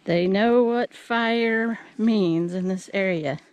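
Unhurried, breathy-from-climbing woman on a trail. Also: mid-range voice, a little mellow. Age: middle-aged. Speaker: vlogger. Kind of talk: casual hiking vlog, talking to camera. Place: outdoors on a wooded hillside trail. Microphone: handheld camera at arm's length. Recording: outdoor trail sound with clear background noise.

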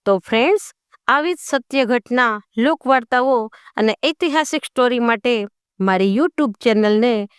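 Smooth-voiced woman telling folk tales. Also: fairly high pitch, measured pace, dry recording, clean studio sound. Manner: vivid dramatic telling. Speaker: storyteller. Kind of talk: folk tale narration.

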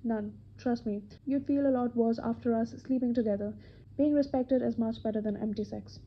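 A woman voicing a gruff, rude male bounty hunter in an amateur audiobook reading, her voice dropped low and hoarse. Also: steady tone, moderate pace, slight background noise, lightly acted. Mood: brooding. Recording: dull lo-fi home recording.

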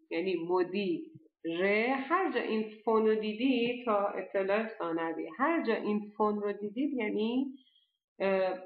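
A woman teaching a language lesson, explaining step by step and saying the foreign words slowly and carefully. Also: mid-range voice. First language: Persian. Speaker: German teacher. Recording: dull lo-fi echoey room.

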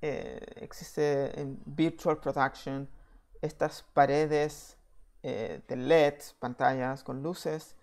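Gravelly-voiced man giving a talk. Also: fairly high pitch, flat delivery, a little mellow. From Chile. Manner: measured, with frequent "eh" fillers. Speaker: VFX software engineer giving a talk. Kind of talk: slide presentation lecture.

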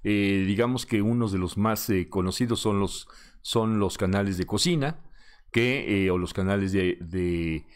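An older man interviews a guest over a video call, his pitch swinging widely as he talks. He asks long, rambling questions and laughs loudly, speaking at a middle pitch. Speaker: magazine director, interviewer.

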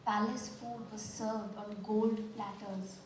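A woman reading a novel aloud at a book launch, measured and savoring the descriptions. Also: mid-range voice, flat delivery, a little hiss or hum. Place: book launch event hall. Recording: echoey hall, mic from far off.

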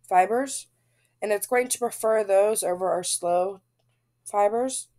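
Sick-sounding woman, groggy and stuffy, reading out her class presentation slide by slide. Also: medium pitch. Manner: steady explanatory reading, frequent "going to". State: groggy, congested from flu. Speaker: student presenter.

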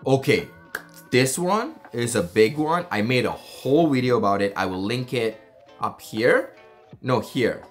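A man in his thirties from Malaysia, chatting casually to camera as a family vlogger, animated and gesturing, seated at home. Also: medium pitch, unhurried, faint music behind. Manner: animated storyteller, gestures a lot. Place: indoors at home, seated beside his wife.

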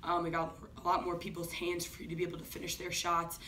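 A woman coach gives quick postgame answers, her voice low and even. She talks fast, with plenty of ums. The recording is distant, with faint hiss in a room. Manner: quick, steady, many ums. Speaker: head coach. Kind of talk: postgame press conference answers. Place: office-like room, indoors. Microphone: far camera.

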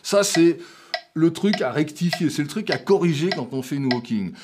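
A man's voice: a little high, animated, normal speed. An older man giving a loose, chatty jazz piano lesson, singing note names and counting beats as he plays. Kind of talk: spoken piano lesson with playing. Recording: talk over loud piano playing.

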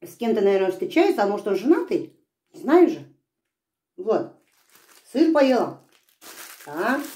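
A woman's voice: medium pitch, very animated, unhurried, mellow. A middle-aged woman vlogger chatting through a mouthful of food as she tells a story while she eats. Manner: chatty, repeats "I say" when retelling. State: mouth full. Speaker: mukbang vlogger. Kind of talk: casual storytelling while eating. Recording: echoey room.

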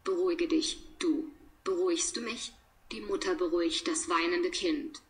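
A woman reading example sentences for a language lesson, one by one, in a measured, deliberate way with pauses between them. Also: lowish voice. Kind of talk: slow read-aloud of example sentences.

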